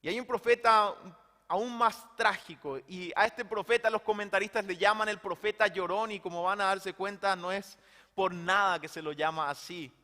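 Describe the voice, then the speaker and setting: A man's voice: high voice, steady tone, moderate pace, pushed and bright. A man preaching a sermon and reading scripture dramatically, his voice rising and falling. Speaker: pastor. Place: church hall. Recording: reverberant church hall.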